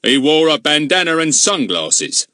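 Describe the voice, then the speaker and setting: A man voicing a pompous, blustering middle-aged village policeman in an audiobook, with a husky, loud delivery. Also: mid-range voice, expressive, normal speed, dry recording, clean studio sound, voice pushed up. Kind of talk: audiobook character voice.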